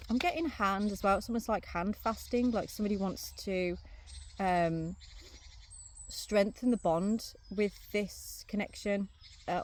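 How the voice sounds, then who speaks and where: A woman reading runes and tarot cards, thinking aloud in a casual, musing way with many pauses and fillers, chewing gum as she talks. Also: on the low side, darkish tone, slight background noise. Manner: chewing gum while talking. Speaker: rune and tarot reader. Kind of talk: casual card reading to camera. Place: outdoors on a sunny day, crickets behind.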